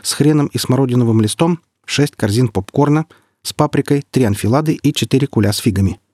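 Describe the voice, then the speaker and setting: A man narrating a humorous audiobook in a deadpan, mock-serious manner. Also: medium pitch, quick pace, dry recording, clean studio sound.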